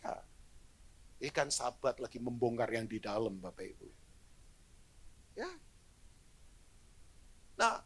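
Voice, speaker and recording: Lively, gravelly male pastor preaching. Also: a little slow, pauses often. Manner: animated, joking with the congregation, swings from low asides to loud exclamations. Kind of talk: live sermon. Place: church hall, in front of a congregation.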